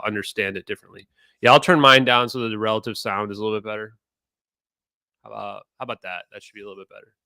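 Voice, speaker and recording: A man hosting a casual reaction video, chatty and excitable, talking straight to his viewers. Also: lowish voice, clear, resonant tone, no room sound. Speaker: host reacting to a podcast.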